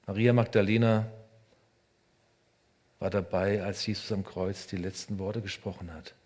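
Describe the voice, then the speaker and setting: A man preaching a sermon in short phrases, speaking straight to the listener and swinging between loud emphasis and hushed, almost whispered lines. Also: fairly low pitch, fairly even intonation, unhurried. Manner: addresses the listener directly and personally. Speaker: pastor.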